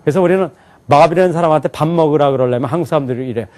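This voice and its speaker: A man teaching a class in a lively lecture style, often asking the students questions and laughing along. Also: a little high, rapid-fire, slight background noise. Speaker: English teacher at an alternative school.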